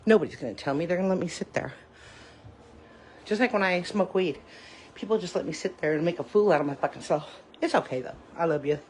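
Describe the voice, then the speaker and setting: Low-ish and darkish in tone, her voice moves quickly over slight background noise. She's a woman running a laid-back cooking stream from her own kitchen via phone, chatting to "y'all" while a bit overheated and out of breath.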